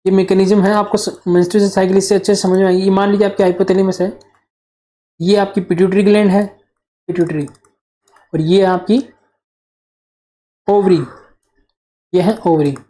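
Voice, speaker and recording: A man's voice: high voice, little pitch movement, normal speed, long pauses, dark tone. A man teaching nursing exam material as a whiteboard lecture. He poses questions, answers them himself, and repeats the key terms.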